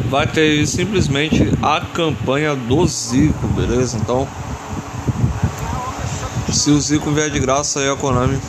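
An eighteen-year-old man with a Brazilian accent, casually commenting over a mobile football game, repeating himself and tagging phrases with questions. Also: very noisy. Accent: Brazilian Portuguese. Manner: repetitive, chatty, tag questions after every phrase; bursts into high excited shouting at plays. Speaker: gaming channel host.

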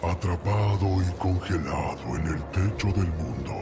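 Demon dark lord villain from a game, super deep n slow, cold and gloating, music blasting behind. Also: male voice. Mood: gloating menace. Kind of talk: video game villain acting.

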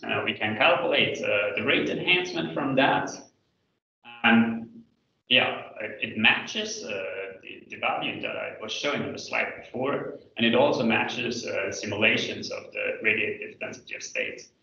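A man presenting his PhD thesis defense as an academic slide talk, explaining in a hesitant, hedging, halting way. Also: medium pitch, gravelly, bright, forceful tone. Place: indoor room, online video call. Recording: echoey room, distant mic, dull video-call sound.

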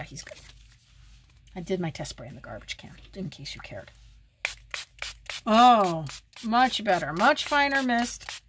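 Seated at home while doing her makeup, a female beauty vlogger keeps up a casual get-ready-with-me chat, dry quips and under-the-breath mutters included. Her voice is mid-range and fairly bright, with a little hiss or hum in the recording.

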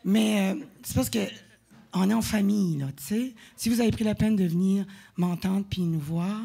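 A woman's voice: mid-range voice, fairly even intonation, moderate pace, creaky, slightly rough. A woman from Acadia with an Acadian French accent, chatting with her audience from the stage between songs in a chatty, rambling way. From Acadia, eastern Canada. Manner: chatty, warm-hearted, rambling with fillers and self-corrections. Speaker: singer presenting her album. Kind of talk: casual stage banter with a live audience. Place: concert venue stage.

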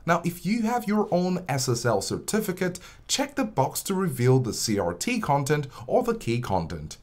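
A narrator reading a scripted, step-by-step software tutorial as a voice-over, walking through each stage in order. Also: medium pitch. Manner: steady step-by-step instructional delivery.

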